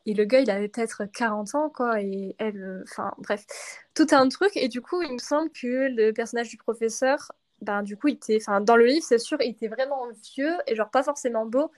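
A woman's voice: on the high side, a little fast, darkish tone. A young woman speaking French as her own language, chatting casually as a podcast host, rambling and hesitant with many fillers and laughs. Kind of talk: casual chat.

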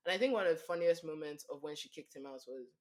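Animated woman telling a story casually. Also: deep voice, fast. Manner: animated retelling, acts out quotes, laughs often. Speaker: podcast co-host.

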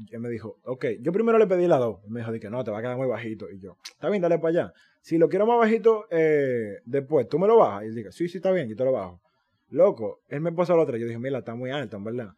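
Animated Dominican man telling stories. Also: medium pitch, muffled recording. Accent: Dominican Spanish. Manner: animated, slangy storytelling with swearing. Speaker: podcast co-host. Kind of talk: casual chat.

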